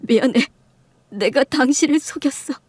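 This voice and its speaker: An actor playing a guilty husband who apologizes quietly in a radio drama. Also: male voice, high-pitched, normal speed, no echo. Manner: subdued, apologetic.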